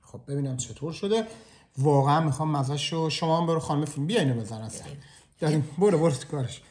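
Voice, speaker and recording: In his home-style kitchen vlog, a chef speaks to viewers via a clip-on mic, joking around casually. His fairly high voice is animated but has a somewhat dark tone.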